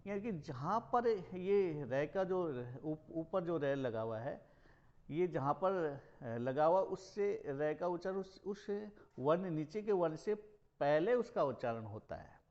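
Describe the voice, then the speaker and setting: A male college teacher from Rajasthan, India, giving a recorded grammar lesson and repeating words slowly for emphasis. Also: fairly high pitch, lively intonation, darkish tone. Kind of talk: recorded Hindi grammar lecture. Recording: dull lo-fi recording.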